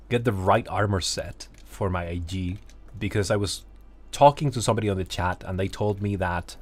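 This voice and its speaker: A man streaming a video game, chatting casually and loosely with his chat, swearing freely and laughing at himself. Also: fairly low pitch.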